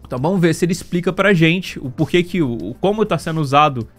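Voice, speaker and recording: Higher-voiced Brazilian man, casual gaming commentary. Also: lively intonation, fast talker, a bit bright. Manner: informal, slangy, often seeking agreement with tag questions. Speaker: gaming news YouTuber. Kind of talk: casual news commentary to camera. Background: background music.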